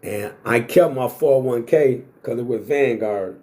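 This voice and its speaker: A man's voice: medium pitch, unhurried, warm tone. A man in his sixties speaking in a blunt, boastful monologue to camera, swearing freely and repeating himself. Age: 60s. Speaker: vlogger.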